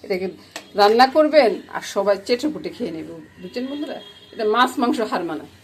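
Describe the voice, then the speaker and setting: Loud sizzling and frying from a home kitchen surround this middle-aged woman from Bangladesh, who speaks with a Noakhali Bengali accent. Her high, animated voice goes fairly quickly as she chats through a cooking vlog, repeatedly checking "you get it?"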